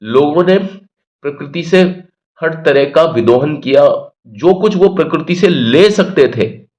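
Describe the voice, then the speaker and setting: A man's voice: fairly high pitch, animated, takes it slowly, darkish tone, lo-fi sound. A man teaching English grammar, who explains patiently, repeats key words and answers his own questions. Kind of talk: Hindi-medium English grammar lesson.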